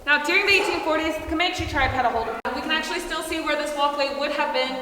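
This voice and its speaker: Woman tour guide, high pitch, explanatory, instructing, long cave echo, distant from mic, noisy. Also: fast talker, sharp tone. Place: inside a cave, heard from a distance.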